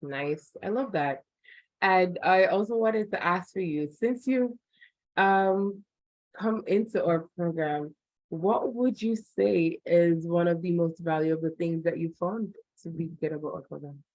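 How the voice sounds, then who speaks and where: An encouraging woman hosts a video call interview, her voice sitting fairly low. The sound is dry and close, with no room around it, and she asks long, winding questions. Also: a little slow, darkish tone, no room sound, poor audio.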